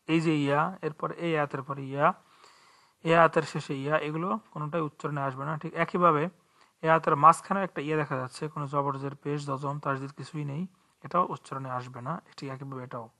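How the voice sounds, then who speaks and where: A man with a Bangladeshi Bengali accent teaching Quran recitation, spelling out each letter and vowel and then reciting the verse slowly. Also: on the high side, steady tone, sharp tone. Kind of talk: slow spelled-out recitation lesson.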